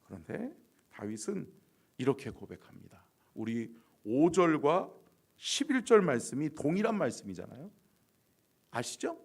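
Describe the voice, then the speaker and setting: Pastor, male, dawn sermon; emphatic, rises to fervent peaks, animated pitch. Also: unhurried, creaky, long pauses, breathy edge. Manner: emphatic, building to loud fervent passages. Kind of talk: early-morning sermon.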